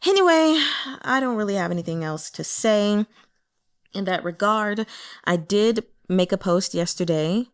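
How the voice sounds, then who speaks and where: A book reader and reviewer talks to her audience about a novel in casual chat commentary, candid, conversational and mildly exasperated. Her mid-range voice is animated, smooth and unhurried.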